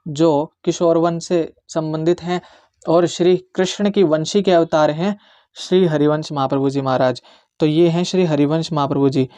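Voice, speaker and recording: A man giving a devotional lesson on how to pronounce Sanskrit verses. He explains plainly and then chants each line slowly, syllable by syllable. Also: on the high side, warm tone, no room sound. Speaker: Sanskrit recitation teacher.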